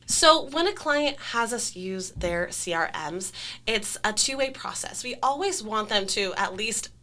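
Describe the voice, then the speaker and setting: A woman's voice: a little high, expressive, unhurried, sharp tone. A woman working as a staff trainer explains procedures conversationally in a corporate training video interview, with an enthusiastic, emphatic manner.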